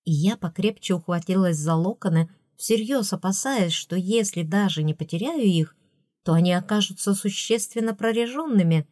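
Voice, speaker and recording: A woman reads a fantasy story aloud in the first person, with a lively and expressive delivery at a middle pitch. She is recorded close to the mic, and the sound is dry, with no room around it. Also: normal speed, no echo. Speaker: audiobook narrator.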